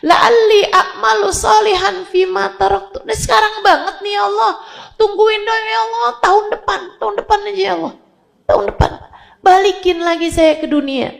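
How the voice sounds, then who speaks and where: A woman's voice: fairly even intonation, moderate pace, creaky. Woman acting a dying sinner begging for time. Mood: desperate pleading. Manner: pleading, bargaining, high-pitched wailing.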